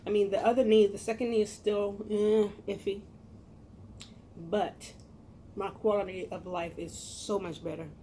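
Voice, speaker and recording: American woman, middle-aged, mellow mid-pitched voice, casual vlog chat, folksy and expressive, noisy home recording. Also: a little slow. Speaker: cooking vlogger.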